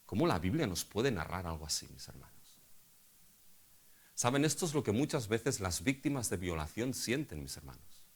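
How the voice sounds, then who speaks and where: Male pastor, dramatic sermon delivery, lively pitch swings, hushed to loud. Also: moderate pace, breathy edge.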